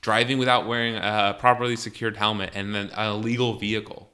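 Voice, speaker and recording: A man's voice: lowish voice, level tone, fast, sharp tone. A young man on a podcast, casually telling a long story with lots of fillers and laughs. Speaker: podcast co-host.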